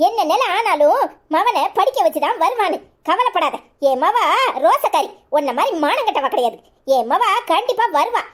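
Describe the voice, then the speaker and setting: A woman voicing a proud, indignant older in-law in a cartoon, issuing cursing warnings in a Tirunelveli Tamil accent. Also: very high-pitched. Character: proud indignant older mother of the absent wife.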